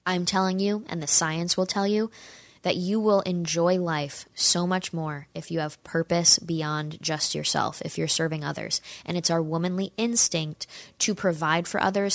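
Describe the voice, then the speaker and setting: This woman in her twenties, a commentator fielding audience questions, addresses her viewers directly with an earnest, persuasive opinion piece. Her voice is low and gravelly, and there's no room sound.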